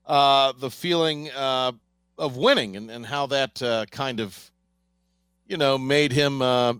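A man's voice: mid-range voice, slow pace, fairly bright tone, clear, resonant tone, no echo. A man hosting a sports radio segment, talking casually and rambling with many fillers and restarts.

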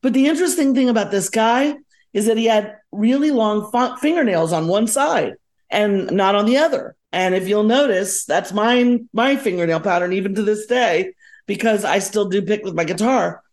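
Chatting as a guest on a podcast, a musician and educator from South Florida, United States, middle-aged or older, looks back on her past in a relaxed interview, wandering off topic and correcting herself. Her voice is medium-pitched and darkish, at a normal speed.

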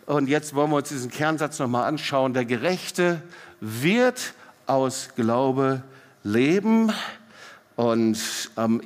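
A middle-aged man preaching a sermon, swinging between loud emphatic rises and soft quiet drops, often putting questions straight to the congregation. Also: a little high. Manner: asks the congregation direct questions. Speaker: pastor. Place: church hall. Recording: long church hall reverb.

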